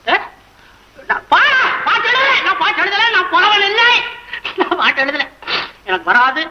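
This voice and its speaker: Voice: high voice, lively intonation, a little fast, heavy background noise. A student playing a wailing poor poet. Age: teens. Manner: comic wailing and grumbling, talks to himself. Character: poor comic male poet, desperate and whining. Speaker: stage actor in a school play. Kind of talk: school stage play acting. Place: school annual day stage. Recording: dull lo-fi stage recording.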